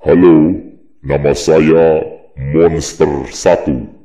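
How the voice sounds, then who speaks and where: Deep-disguised monster. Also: male voice, fairly even intonation, extremely slow, dark tone, heavily acted. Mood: menacing. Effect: monster voice changer pitched very deep. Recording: dull, roomy effect-processed sound.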